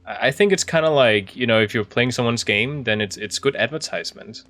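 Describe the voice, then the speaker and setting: A man's voice: mid-range voice, brisk, bright, forceful tone. A man giving casual video game commentary, thinking aloud in a chatty, easily impressed way. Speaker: video game streamer playing an indie horror game.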